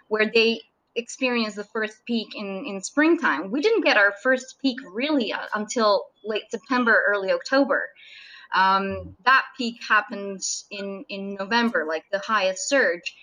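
A Serbian woman in her thirties, a native speaker of Serbian, appears as a surgeon guest in a casual interview and laughs often. Her mid-range voice sounds pushed and bright, and the audio quality is poor.

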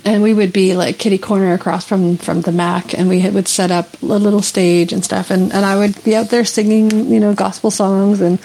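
A Canadian woman guest in an interview, telling a personal story in a casual, animated way with frequent laughs and fillers. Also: mid-range voice, moderate pace, hardly any pauses, husky, low-quality recording. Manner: animated, laughs often, many fillers and restarts.

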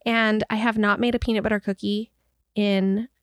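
A woman's voice: mid-range voice, flat delivery, moderate pace, no room sound, clean studio sound. A woman with a West Coast American accent, chatting casually as a podcast co-host. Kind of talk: casual chat.

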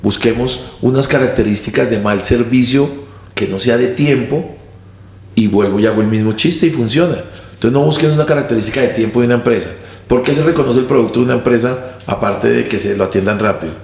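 A man's voice: medium pitch, gravelly, a little mellow. A man, a comedian host who jokes and breaks down how a joke works in casual podcast chat. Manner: quick, joking, explains joke structure. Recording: roomy podcast studio with faint noise.

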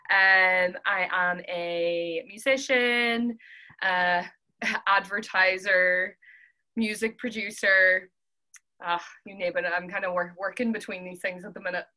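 A woman's voice: medium pitch, fairly even intonation, slow pace, pushed and bright, rough recording. A woman in her twenties with a Donegal Irish accent, chatting informally in an interview and often saying "like". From Donegal, Ireland. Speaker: podcast guest, singer-songwriter. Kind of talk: casual conversational interview.

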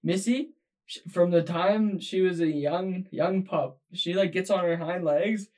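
A man's voice: high-pitched, measured pace, a little mellow. A young man co-hosting a podcast, chatting casually, teasing and asking questions. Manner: teasing, asks naive questions. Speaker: podcast co-host. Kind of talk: casual chat.

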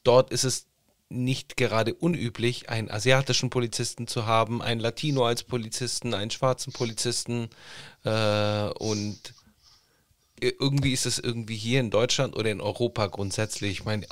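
Male guest, lower pitch, dry close sound, thoughtful delivery. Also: flat delivery, normal speed, dry recording. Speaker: podcast guest. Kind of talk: casual chat.

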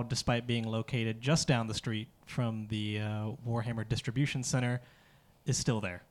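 Chatty man with a mid-range voice. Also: mid-range voice. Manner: rambling, filler-heavy delivery. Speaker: podcast co-host. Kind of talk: casual chat.

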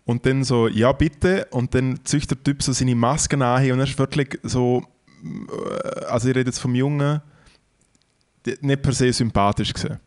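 A man's voice: mid-range voice, steady tone, normal speed, darkish tone. Swiss German man, 30s, casual podcast storyteller, rambles and acts out both sides of a conversation.

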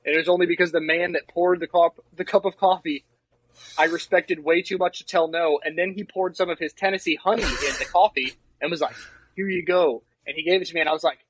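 High, husky-voiced man, wry and joking. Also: steady tone, quick pace, low-quality recording. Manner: wry, self-mocking, swears and laughs. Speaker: podcast guest. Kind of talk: casual chat.

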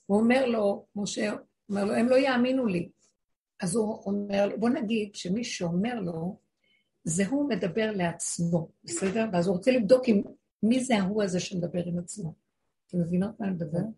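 A woman's voice: medium pitch, gravelly, dark tone. A woman teaching a religious lesson, explaining with frequent rhetorical questions to her listeners and acting out voices she quotes. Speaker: spiritual teacher.

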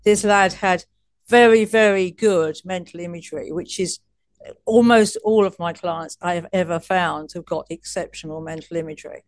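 A woman's voice: on the low side, moderate pace, dry recording, studio quality. A woman coach as an interview guest, telling stories in a chatty way with frequent restarts and laughs. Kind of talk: casual interview storytelling.

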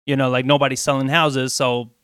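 A man's voice: mid-range voice, flat delivery, fairly quick, fairly bright tone, clear, resonant tone, no echo, clean studio sound. A man co-hosting a casual podcast chat, explaining bluntly with a joking edge. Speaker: co-host.

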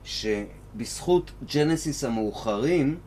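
A man's voice: medium pitch, animated, darkish tone, slight background noise. A man on a panel call, eagerly cutting in with repeated starts to make his point. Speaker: panel guest. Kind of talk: casual debate.

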